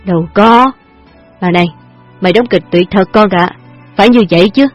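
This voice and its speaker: A woman's voice: mid-range voice, moderate pace, faint music behind, close to an everyday voice. A woman narrator voicing a scheming older father who gambles and owes money. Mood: gleeful.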